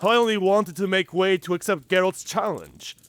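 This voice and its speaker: In a cinematic audio drama, a man voices a wounded, wry, chatty werewolf in human form, bantering theatrically with an amused, teasing mood. His voice is high-pitched and a bit bright, with a steady tone, a moderate pace, and no echo.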